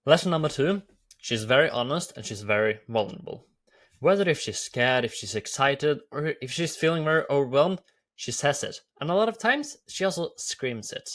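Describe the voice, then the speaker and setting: A man's voice: fairly high pitch, lively intonation, normal speed, a bit bright. Norwegian man giving enthusiastic commentary. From Norway. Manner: enthusiastic, repetitive phrasing. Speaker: YouTube host.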